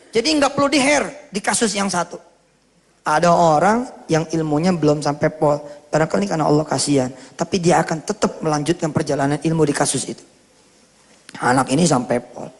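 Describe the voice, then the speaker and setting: A man from preaching a sermon in a lively storytelling way, acting out the dialogue of his story in changing voices. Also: sits high, normal speed. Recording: echoey hall with long reverb.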